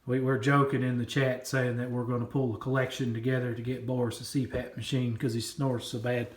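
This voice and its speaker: A man's voice: medium pitch, flat delivery, brisk, echoey room, slight background noise. A man chatting casually while opening a package, rambling and repeating himself as he goes. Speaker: coin collecting vlogger. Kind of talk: casual unboxing chat.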